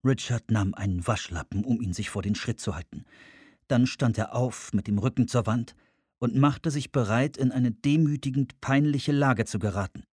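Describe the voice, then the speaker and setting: A man narrating an audiobook in a wry, measured storytelling manner on a close microphone. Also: medium pitch, darkish tone, husky, no room sound. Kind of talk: scripted narration.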